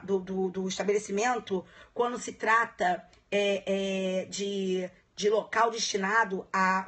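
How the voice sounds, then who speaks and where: A woman teaching law in a casual live-streamed exam review, checking in with viewers often and chatting warmly between points. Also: mid-range voice. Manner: chatty, warm asides to viewers, frequent "tá?" checks. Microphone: phone live stream.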